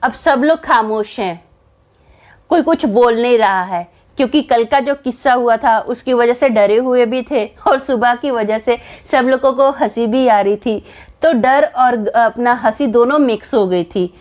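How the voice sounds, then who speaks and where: A woman's voice: on the high side, measured pace, a little mellow. A woman telling a story in a casual, chatty way, laughing at it as she goes. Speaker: storyteller vlogger.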